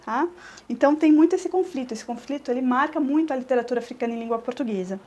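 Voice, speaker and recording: A woman's voice: high-pitched, fast, mellow. A woman teacher from Brazil giving a recorded review lesson, explaining step by step, often checking in with her students and drawing out syllables as she scans verse. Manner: stretches words when scanning verse.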